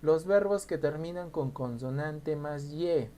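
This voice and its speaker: Slow, patient male English teacher. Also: fairly high pitch, dark tone, slight background noise. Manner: slow, patient, repeats and spells out each example. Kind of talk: recorded grammar lesson.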